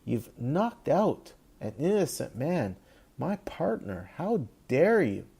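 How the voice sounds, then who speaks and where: A man's voice: fairly high pitch, big pitch swings, slow, vocal fry, mellow, husky, pitched above the performer's own voice, full character voice. A man voicing an indignant male police detective who scolds someone in outrage. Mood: outraged.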